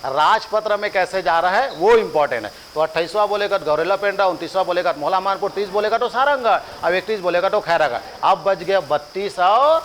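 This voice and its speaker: A man's voice: high voice, expressive, a little fast, few pauses, a bit bright, a little hiss or hum, poor audio. A male coaching teacher giving an exam-prep lecture, drilling dates by repeating them and quizzing the students in a joking, familiar way.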